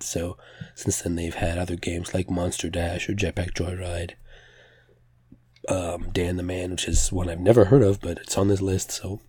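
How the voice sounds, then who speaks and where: Man, low-pitched, slightly strained pressed voice, casual podcast commentary, halting and self-correcting, dry close sound. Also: mellow, breathy edge, no echo. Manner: hesitant, self-correcting, informal. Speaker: podcast host. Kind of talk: casual solo news commentary.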